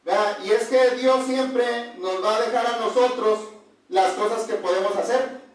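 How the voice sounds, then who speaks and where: A man's voice: very high voice, measured pace. A male preacher giving a conversational sermon, who keeps asking the congregation questions and addressing them as brothers. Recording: very echoey room heard from a distance.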